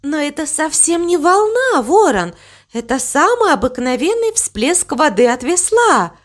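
A woman voicing a gentle, calm, motherly cow who speaks softly and tenderly. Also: high voice, a little slow, pitched above the performer's own voice. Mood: soothing. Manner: soft, tender, soothing.

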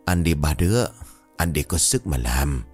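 A man's voice: lively intonation, normal speed, breathy edge, soft background music, heavily acted. A man voicing a frail old village mother who cries out in terror after a nightmare, in a ghost story reading. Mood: doting. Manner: shrill, frantic cries.

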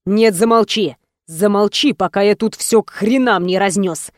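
A woman reading an audiobook and voicing an angry, jealous young man who speaks in curt, gruff, scornful bursts. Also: mid-range voice, moderate pace, darkish tone, no room sound, studio quality, lightly acted. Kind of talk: audiobook character voice.

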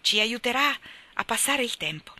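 A woman's voice: on the high side, expressive, normal speed, sharp tone, slight background noise, pitched above the performer's own voice. A woman voicing a romantic young woman teacher who speaks decisively yet dreamily, in an audiobook reading. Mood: tender firm.

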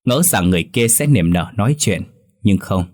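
Low husky male horror storyteller. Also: lively intonation, moderate pace, a little mellow. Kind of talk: scripted horror story narration.

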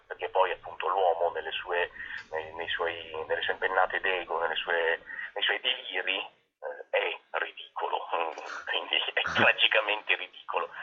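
Heard on the radio through a tinny phone line, a man with a husky, low-pitched voice answers interview questions about a play he's presenting. As a theatre actor and director, he explains the show conversationally and keeps reworking his sentences midway.

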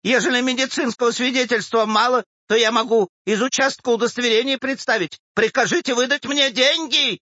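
A man's voice: extremely high pitch, fairly even intonation, fairly quick, hardly any pauses, bright, forceful tone, dry recording, highs cut off, voice pushed up, exaggerated voice. A man voicing a pushy, self-pitying old woman who whines and insists in a storybook reading. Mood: pleading shrill.

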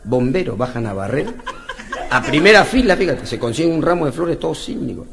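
A man's voice: on the high side, very animated, brisk, creaky, crowd noise. A man with a Peruvian accent telling slangy jokes stand-up style, laughing at his own punchlines. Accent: Peruvian Spanish. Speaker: comedian. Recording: noisy lo-fi recording with clicks.

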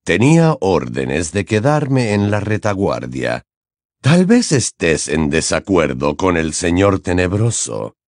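A cold, calculating man who answers with calm sarcasm, as a man reads him. His voice is very deep and unhurried, with wide swings in pitch. An audiobook character voice with a dry, close sound. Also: no echo, heavily acted. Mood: sardonic. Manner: slow, low and measured.

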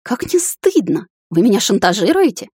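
A woman's voice: mid-range voice, sing-song, fairly quick, darkish tone, breathy edge, no room sound, studio quality. A woman voicing a cheeky, stubborn young noblewoman who teases her fiancé with mock gasps, in a storybook reading. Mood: teasing. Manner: mock-gasping, teasing.

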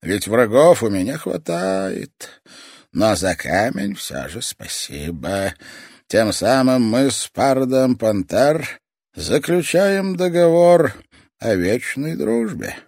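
A man voicing a frail, sinister old toy master who talks slowly and grows weaker as he goes. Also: mid-range voice, big pitch swings, a little mellow, no room sound, clean studio sound, voice pushed up, full character voice. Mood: grave, menacing. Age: older.

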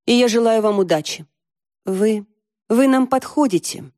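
A woman's voice: a little high, measured pace, warm tone, no echo, clean studio sound, voice pushed up, natural voice. A woman reading an audiobook, voicing a frank, direct teenage girl in a raised voice. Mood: earnest. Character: earnest blunt teenage girl.

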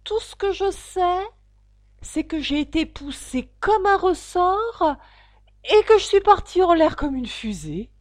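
A woman's voice: very high voice, sing-song, takes it slowly, pitched above the performer's own voice, full character voice. A woman doing Jacques, a weak fluty little lizard. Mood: shaken.

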